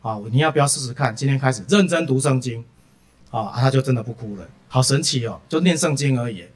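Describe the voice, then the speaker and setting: A middle-aged man gives a sermon as a string of lively family stories. He sprinkles his talk with soft "ah" fillers. His voice sits at a medium pitch. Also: quick pace. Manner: lively anecdotal delivery, frequent "ah" fillers. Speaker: preacher. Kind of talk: sermon with personal storytelling.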